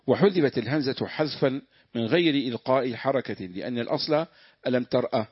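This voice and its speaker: A man's voice: medium pitch, quick pace, slightly rough, dry recording, dull audio. A man reading a classical commentary text aloud to his teacher.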